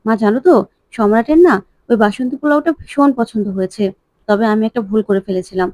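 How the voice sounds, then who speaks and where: An earnest young bride speaks in a confiding way, as a woman narrator reads her. The voice is mellow and fairly high. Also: lively intonation, fast, dry recording, natural voice.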